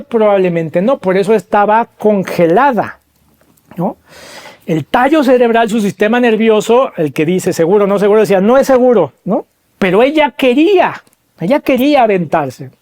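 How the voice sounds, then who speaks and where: A man hosting a podcast, telling a story and asking the listeners rhetorical questions as he explains. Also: a little mellow. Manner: acts out quoted voices with pitch jumps. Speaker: podcast host.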